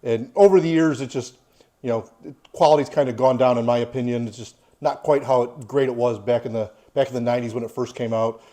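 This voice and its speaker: A man's voice: mid-range voice, fairly even intonation, a little fast, mellow. Easygoing man giving a food review. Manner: easygoing, plain-spoken, opinionated.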